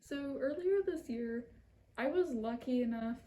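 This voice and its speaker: Her high voice moves at a measured pace as she reads a scripted video essay for her channel, seated and holding the script before a camera mic. She sounds soft-spoken, earnest and apologetic, and her first language is not Italian. A little hiss or hum is present.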